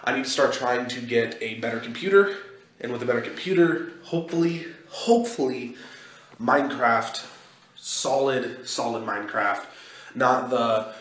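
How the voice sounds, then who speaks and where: A man's voice: mid-range voice, moderate pace, fairly bright tone. Young man vlogging in an echoey room. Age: young adult. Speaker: video blogger. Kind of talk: casual vlog talk to camera. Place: small echoey indoor walkway in a house being moved into. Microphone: phone at arm's length. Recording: echoey bare room, phone recording.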